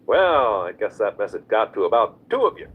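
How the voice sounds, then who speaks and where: A man's voice: fairly low pitch, wildly swooping pitch, quick pace, phone-quality sound, background noise. A man giving sarcastic, profane movie commentary, mocking the film with rhetorical questions.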